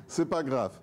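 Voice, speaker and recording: A man, a native Spanish speaker, giving a church talk as guest preacher in a joking, self-mocking way. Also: sits high. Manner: joking, self-mocking, lively, moves a lot.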